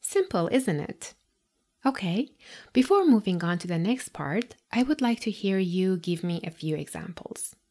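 A woman's voice: lowish voice, big pitch swings, warm tone. Woman teacher guiding listeners with questions. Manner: addresses listener directly with guiding questions and pauses. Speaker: English teacher and podcast host. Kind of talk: scripted podcast lesson.

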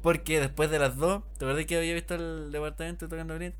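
A man's voice: a little high, fairly even intonation, fast talker, a little hiss or hum. A young man, co-hosting a casual podcast chat and adding short quips to the story. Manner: chimes in with short quips and reactions. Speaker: podcast co-host.

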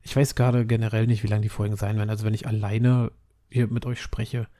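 Talking fast in a fairly low voice, a German podcast host from Berlin, in his thirties, rambles on his solo show despite having a cold. The delivery is relaxed and casual, packed with fillers and restarts.

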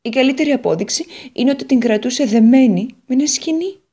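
A woman's voice: medium pitch, animated, warm tone, pitched above the performer's own voice. A woman voicing a proud, wistful female guitar in a children's storybook read on the radio, sighing and bitter as she talks.

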